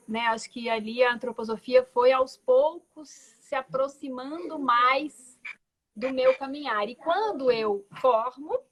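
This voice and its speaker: A woman in her forties from Belo Horizonte with a Minas Gerais accent, telling her story as a guest artist on a video call in a thoughtful way, with frequent tag words and restarts. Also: sits high. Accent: Minas Gerais Portuguese. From Belo Horizonte, Brazil. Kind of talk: reflective conversational storytelling.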